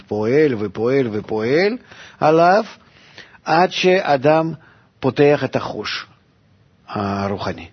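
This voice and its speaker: A man's voice: medium pitch, slightly rough. A man teaching a study lesson, explaining a text and repeating words for emphasis in emphatic bursts. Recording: dull lo-fi recording.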